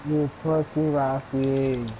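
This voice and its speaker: A man's voice: mid-range voice, level tone, takes it slowly, background noise. A man playing a shooter game with a friend, frustrated and swearing often. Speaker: gamer. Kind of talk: casual game chat.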